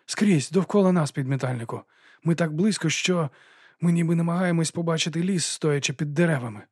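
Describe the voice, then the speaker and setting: A man voicing an anxious, eager young male apprentice in a storybook, speaking breathlessly and pitched above his own voice. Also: a little fast, darkish tone, breathy edge, dry recording, studio quality. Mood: uneasy.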